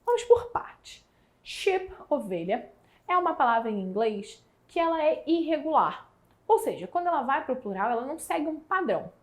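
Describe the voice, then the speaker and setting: A very animated Brazilian woman whose voice sits high teaches an exam prep English lesson in a Brazilian Portuguese accent, pronouncing example words in slow, drawn-out fashion.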